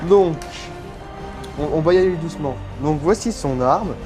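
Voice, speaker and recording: A man giving casual, excited unboxing commentary, gushing and exclaiming often with lots of slang, recorded on a phone. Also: fairly high pitch, moderate pace, music in the background. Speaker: toy unboxing vlogger.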